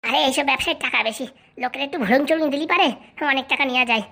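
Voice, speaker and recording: Cartoon swindler guru, male, bossy and scolding, very high and rapid, as a woman plays him. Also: pushed and bright, exaggerated voice. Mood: scheming. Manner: bossy, fast-talking, scolding. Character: scheming young male con man posing as holy fortune-teller. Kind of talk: comic cartoon voice acting.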